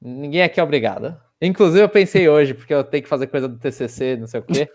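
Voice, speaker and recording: A young man with a Brazilian accent and a slightly high voice hosts a casual discussion podcast. He talks in a halting way, often doubling back on his words. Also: darkish tone. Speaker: podcast host.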